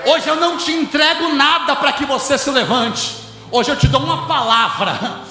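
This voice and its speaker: High-voiced Brazilian pastor preaching passionately. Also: male voice, normal speed. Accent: Brazilian Portuguese. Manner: impassioned, swings from shouting to hushed. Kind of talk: preaching sermon. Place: church hall. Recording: echoey church hall with music.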